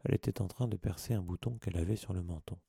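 A man narrating an audiobook in a steady, measured reading. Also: low voice, vocal fry, husky, dry recording, clean studio sound. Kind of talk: scripted narration.

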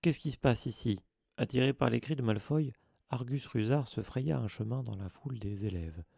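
A man reading an audiobook as narrator in a measured, steady scripted narration. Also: medium pitch, creaky, slightly rough, no room sound, clean studio sound.

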